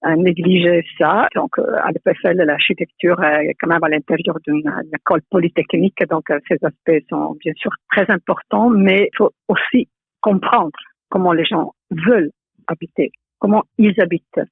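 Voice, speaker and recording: A middle-aged woman from Italy, a native Italian speaker with an Italian accent, answering interview questions as an architecture professor, thoughtful and hesitant with many pauses and restarts. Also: fairly low pitch, steady tone, breathy edge, no room sound. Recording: tinny phone-like line, dry.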